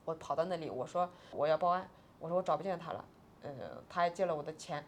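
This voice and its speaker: Speaking fast in a low-sitting voice, this woman in her forties recounts a painful personal story as an interview guest. She is agitated and tearful, her voice shifting between hushed and raised.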